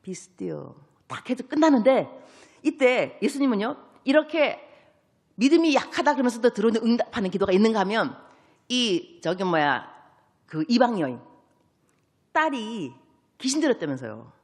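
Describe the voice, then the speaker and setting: A woman preacher delivers a sermon in a big church sanctuary, her pitch leaping up and down as she tells Bible stories. She acts out what each person says and slips in English words. Her voice rings with a long reverb from the hall. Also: moderate pace, pauses often. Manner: lively storytelling, acting out biblical dialogue; sprinkles English words into speech. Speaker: missionary preacher. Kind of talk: evangelistic sermon.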